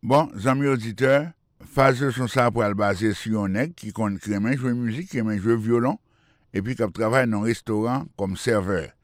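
An English teacher hosting a radio language lesson patiently repeats phrases and spells words out letter by letter, explaining as he goes. His voice is medium-pitched at a moderate pace, recorded at studio quality with no room sound.

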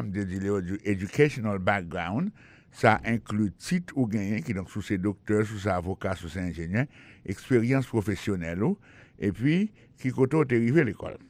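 A man with a Haitian accent teaching English, repeating phrases slowly, spelling words out and explaining pronunciation. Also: lowish voice, a little mellow, no room sound. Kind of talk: language lesson. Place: in the United States.

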